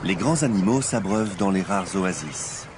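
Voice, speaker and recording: A man delivering scripted nature documentary narration in a measured, expository storytelling way. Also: sits low, lively intonation, background noise. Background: music.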